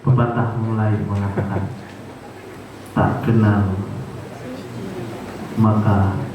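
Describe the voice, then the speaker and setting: A man hosting a church program in an earnest, measured way, pressing hard on key words. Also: on the low side, little pitch movement, background noise. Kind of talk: sermon-style exhortation. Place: church sanctuary. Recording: echoey church hall from far off, muffled.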